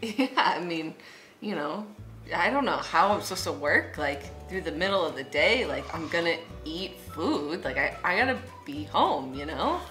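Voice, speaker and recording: A young woman making casual prank calls indoors, explaining herself in a deadpan, rambling way. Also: lowish voice, normal speed, faint music behind. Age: young adult. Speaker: prank caller and show host. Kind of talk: casual prank phone call and chat. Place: small indoor room, seated at a table.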